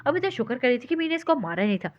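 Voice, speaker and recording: Expressive woman reading a novel aloud. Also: on the high side, racing. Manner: expressive, doing every character. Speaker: novel reader. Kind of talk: storybook narration. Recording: dull lo-fi recording.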